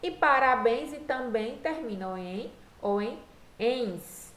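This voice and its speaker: A woman's voice: a little high, expressive, slow, a bit bright. A woman teaching a recorded lesson, patiently walking through each rule step by step. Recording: echoey room.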